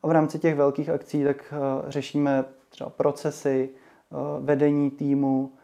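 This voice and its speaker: Even-toned man with a mellow voice. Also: on the high side. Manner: hesitant, many fillers and restarts. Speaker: guest, marketing association chairman. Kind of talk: casual interview talk.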